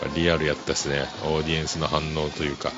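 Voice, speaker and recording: A podcast host with an extremely low, fairly flat voice talks rapid-fire through a casual solo episode, easygoing, chuckling and full of fillers. The recording is dull and lo-fi, with music underneath.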